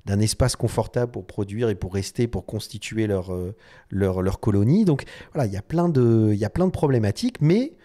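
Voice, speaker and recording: A man's voice: fairly low pitch, animated, a little fast, mellow. A man hosting a design video, explaining casually to the camera with many fillers and restarts.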